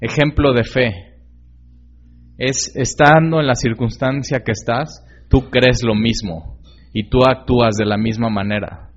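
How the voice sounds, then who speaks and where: A man's voice: medium pitch, fairly even intonation, measured pace. Earnest man preaching a sermon. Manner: earnest, direct questions to the listener; conversational, with many fillers and tag questions. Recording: slightly dull lo-fi recording.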